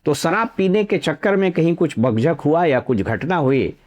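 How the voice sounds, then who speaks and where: A man's voice: on the high side, expressive, darkish tone. A middle-aged man from Bihar, a former civil servant giving storytelling commentary full of proverbs and anecdotes. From Nalanda district, Bihar. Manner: anecdotal, uses proverbs, measured.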